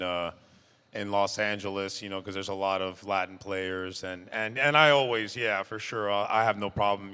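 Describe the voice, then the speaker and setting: A man's voice: on the low side, bright, forceful tone, clean tone. A male voice actor telling laughing anecdotes to fans on a convention panel. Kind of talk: live convention panel storytelling. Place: large convention hall. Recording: echoey convention hall.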